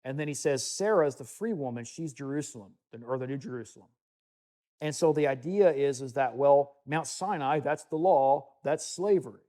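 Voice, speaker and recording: An American Bible teacher with a fairly high, mellow voice delivers a teaching sermon to a roomful of listeners, reading scripture aloud and dropping in conversational asides.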